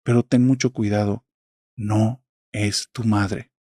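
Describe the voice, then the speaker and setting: A man voicing a mysterious, protective man from a dream, speaking in a slow, low warning murmur. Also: fairly even intonation, warm tone, no echo, clean studio sound.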